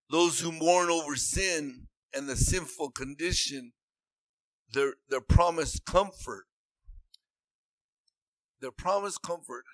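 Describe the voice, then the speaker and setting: A man's voice: high voice, fairly bright tone, dry recording. A man preaching a sermon in an earnest, repetitive way that rises into emphatic bursts.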